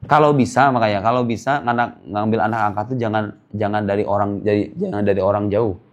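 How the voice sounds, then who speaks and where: Animated man teaching an Islamic class. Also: lowish voice, fast talker, highs cut off. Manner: lively, questions the class and answers himself; casual, joking. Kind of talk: informal religious lesson.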